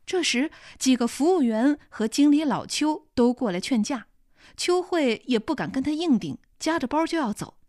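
A woman narrating a novel in clear, steady storytelling. Her voice is high and lively in pitch. The recording is dry and close, with no room sound. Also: normal speed, no room sound. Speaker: audiobook narrator. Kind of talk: scripted narration.

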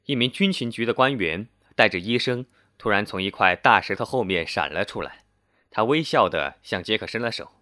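Man, storyteller, scripted narration, measured delivery, dry close sound. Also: fairly low pitch, pushed and bright, no echo.

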